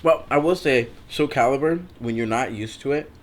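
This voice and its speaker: A young man in his twenties talks games on a casual podcast with a mid-range voice. He gets animated, acting out his reactions and making little sound effects as he goes. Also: mid-range voice, normal speed. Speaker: podcast guest. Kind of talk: casual chat.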